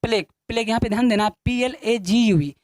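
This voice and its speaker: A woman's voice: fairly high pitch, a little fast, a little mellow, no echo. A woman teaching an English lesson, asking questions and answering them herself, repeating each point to her students. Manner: repetitive drilling, addressing students as children. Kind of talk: classroom-style video lesson.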